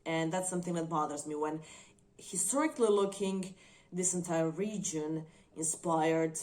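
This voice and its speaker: A woman from Croatia, reviewing movies on her channel in a thoughtful, hesitant way with frequent pauses. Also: deep voice, darkish tone. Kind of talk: unscripted video commentary.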